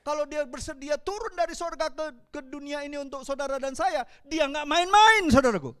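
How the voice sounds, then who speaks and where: High-voiced preacher with a Palembang accent. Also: male voice, brisk. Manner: animated, calls out to the congregation. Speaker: pastor. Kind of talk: sermon.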